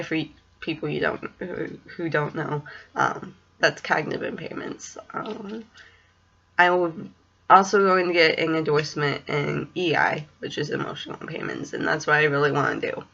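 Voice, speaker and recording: Vlogging casually from a small home room, a woman in her twenties rambles hesitantly and, due to a speech impediment, says w for r; she's a student teacher in special education. Her low voice is gravelly, pushed, and bright. A desk-distance webcam or computer mic makes the recording muffled.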